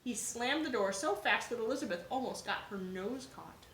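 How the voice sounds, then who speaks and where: A woman teacher reads a picture book aloud to young children, gentle and expressive with small asides. Her voice is bright and lively in pitch, set a little high, and it echoes in the room. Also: normal speed, background noise. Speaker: preschool teacher.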